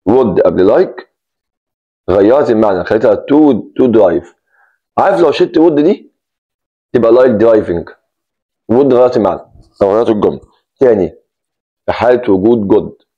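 A man's voice: fairly low pitch, highs cut off. A man with an Egyptian Arabic accent teaching an English grammar lesson, explaining step by step and repeating key points. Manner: explains step by step, repeats key words, stresses "take care".

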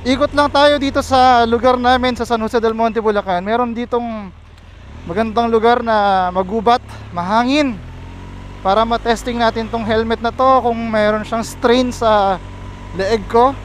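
A man's voice: very high voice, steady tone, unhurried, a little hiss or hum. A man speaking from inside a full-face helmet, chatting casually to his viewers while he reviews it on a motorcycle ride. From Philippines. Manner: chatty, keeps addressing viewers as sir. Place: outdoors on a motorcycle. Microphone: helmet-mounted action camera.

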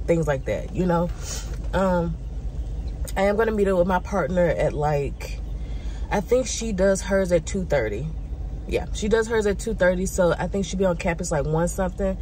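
A woman's voice: lowish voice, mellow, slight background noise. Congested young woman chatting to camera. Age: young adult. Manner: chatty, rambling, many "um" and "like" fillers. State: congested, a little nasal. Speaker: vlogger, student. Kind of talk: casual vlog check-in.

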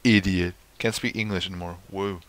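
A man's voice: sits low, fairly even intonation, normal speed, a bit bright. A young man giving casual let's play commentary, swearing and talking to the creatures in his game. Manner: swears at the game, talks to mobs.

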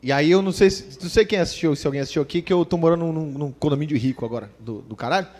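A man's voice: a little high, very fast, a little mellow. A man with a Brazilian accent doing a stand-up comedy set, telling a profane, self-mocking story. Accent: Brazilian Portuguese. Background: live audience laughter.

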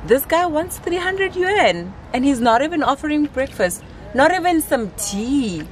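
In a high voice at a measured pace, a twenty-something travel vlogger chats animatedly with her viewers. She's out on a lake boat, holding her camera at arm's length and exclaiming excitedly as she talks.

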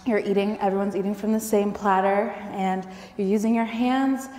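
A woman's voice: medium pitch, steady tone, moderate pace, warm tone. A woman in her twenties from Michigan tells a personal story on stage, in a casual, conversational way with frequent ums, speaking into a lapel mic in a lecture hall. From Michigan, United States. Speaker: storyteller at a food event. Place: lecture hall with projector screen. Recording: reverberant hall.

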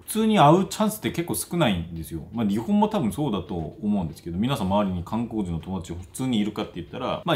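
A man's voice: fairly low pitch, darkish tone. A man speaking, a language teacher commenting on clips and repeating phrases to show how they are pronounced. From Korea. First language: Korean. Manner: explains pronunciation, repeats phrases to demonstrate.

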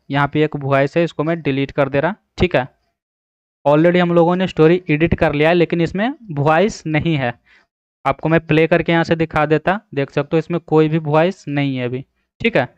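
Speaking in a clear, resonant voice on the high side, a tutorial host walks listeners through an app step by step. He keeps instructing and checking in with repetitive verbal prompts. The recording is a dry, slightly dull voice-over.

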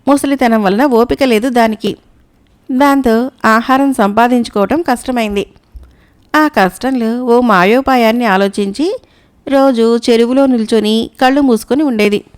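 A woman narrating a moral folk tale in a calm, measured storytelling manner. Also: on the high side, clean tone.

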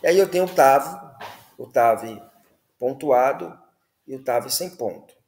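A man's voice: medium pitch, lively intonation, unhurried, darkish tone, roomy sound. A man teaching the Hebrew alphabet, patiently repeating words and checking in with listeners. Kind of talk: slow classroom explanation.

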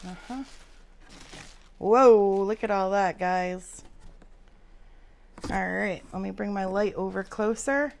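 A woman's voice: medium pitch, takes it slowly, gravelly, pauses often. A woman hosting a video, chatting casually through an unboxing. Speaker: video host.

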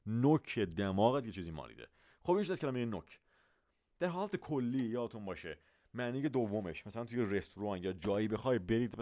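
A man whose first language is Persian, teaching English vocabulary and repeating example phrases slowly for his students. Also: medium pitch, warm tone, no room sound, clean studio sound. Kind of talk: vocabulary lesson.

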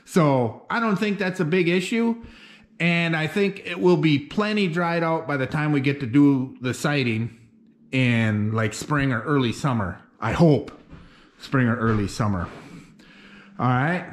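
A man's voice: on the high side, measured pace. A middle-aged man giving a folksy, rambling walkthrough of his barn build, filmed on an action camera outdoors and inside an unfinished wooden barn. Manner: folksy, plainspoken, rambling with fillers. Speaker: homesteader vlogger. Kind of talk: casual walkthrough talk. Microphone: handheld or head-mounted action camera.

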